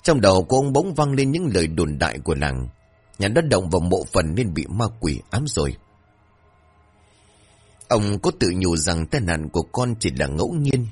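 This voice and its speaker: Man, horror storyteller, dramatic, low voice, faint music behind. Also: normal speed, husky. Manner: dramatic, expressive.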